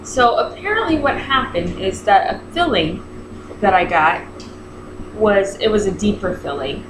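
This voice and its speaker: A woman's voice: medium pitch, unhurried. A woman in her thirties with braces in her mouth, chatting casually in a rambling vlog style and often interrupting herself. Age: 30s. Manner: rambling, self-interrupting, animated retelling with quoted dialogue. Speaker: vlogger. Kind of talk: casual chat to camera. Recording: echoey room with clear background noise.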